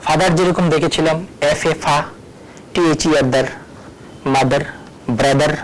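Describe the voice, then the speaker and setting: A male teacher from Tripura, India, records a lesson at a board, erasing and writing as he goes. His voice is a little high and steady at normal speed, and he spells words out letter by letter while switching between Bengali and English, in poor audio with slight background noise.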